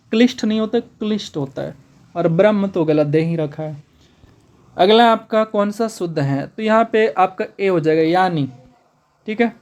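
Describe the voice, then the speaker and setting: A man teaching a spoken exam-prep lesson, brisk and repetitive, calling his students brother. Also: high-pitched, a little mellow.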